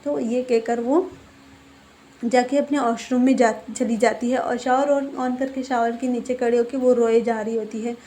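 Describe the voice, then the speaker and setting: A woman's voice: fairly high pitch, fairly even intonation, unhurried, warm tone, a little hiss or hum. A woman casually retelling a fan fiction story in her own words, with fillers, reading out the characters' lines as she goes.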